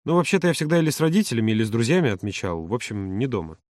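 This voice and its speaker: A man voicing a calm, grumbling grown man in an audiobook, lower and quieter than his narration. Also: rapid-fire, no room sound, studio quality, lightly acted. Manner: low, quiet, subdued. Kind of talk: audiobook character voice.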